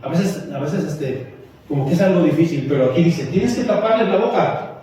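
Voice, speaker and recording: Male pastor, lighthearted sermon, high voice, distant and roomy. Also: expressive, normal speed, warm tone, a little hiss or hum. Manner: storytelling, joking with the congregation. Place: church hall. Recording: echoey hall from far off.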